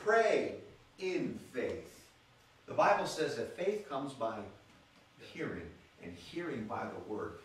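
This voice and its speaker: Male pastor, sermon; bright, unhurried delivery, reads scripture and calls out to the congregation; booming room echo, distant mic. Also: sing-song, a little hiss or hum. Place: church sanctuary. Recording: echoey church room, voice from a distance.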